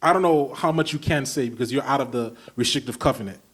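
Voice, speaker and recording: A man's voice: medium pitch, fast, fairly bright tone. A man from Brooklyn hosting a podcast, asking long, enthusiastic, rambling questions in casual conversation. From Brooklyn, New York. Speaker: podcast host. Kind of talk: casual interview chat.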